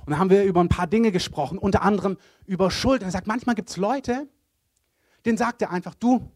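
A man preaching a sermon, earnest, dropping to hushed low lines and rising to loud emphatic bursts. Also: fast talker, no room sound, clean studio sound.

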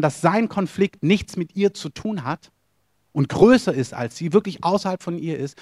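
Earnest German preacher, dry close sound. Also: male voice, dry recording. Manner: earnest, addresses listeners directly with many questions; swings between soft lows and raised emphatic runs. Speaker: pastor. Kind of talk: sermon.

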